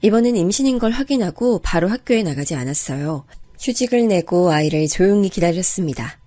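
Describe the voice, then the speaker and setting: A woman narrating a first-person true-life story in a calm, confiding way. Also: on the low side, a little fast. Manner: calm, confiding, even-paced.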